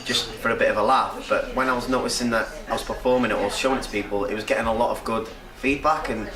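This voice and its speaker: Captured from a distance in an echoey, crowd-filled room, a young rapper with a North Wales accent chats fast and rambles in an interview. His pitch is medium, his tone steady, and he laughs often.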